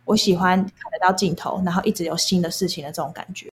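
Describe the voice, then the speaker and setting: A woman's voice: on the low side, steady tone, quick pace, husky. A young woman with a Taiwanese accent, talking casually and candidly as she explains her own experiences. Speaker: guest recounting past jobs. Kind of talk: casual conversational storytelling.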